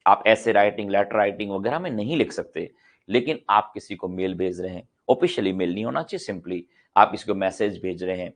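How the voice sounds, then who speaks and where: A man's voice: fairly low pitch, a little fast. A middle-aged man teaching English grammar in a classroom-style lecture. He asks questions and answers them himself, and he repeats example sentences several times for practice.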